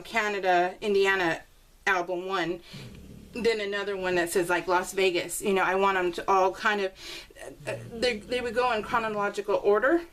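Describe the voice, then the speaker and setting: A woman chats with her viewers while showing scrapbook pages, giggling and derailing herself as she rambles. Her mid-range voice is a bit bright, captured in an obviously noisy home recording with clicks.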